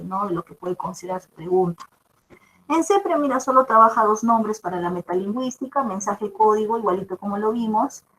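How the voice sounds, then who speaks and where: A woman's voice: medium pitch, fairly bright tone, a little hiss or hum, poor audio. A woman teacher gives a virtual class lecture, explaining with examples and often checking in with the students. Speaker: language teacher.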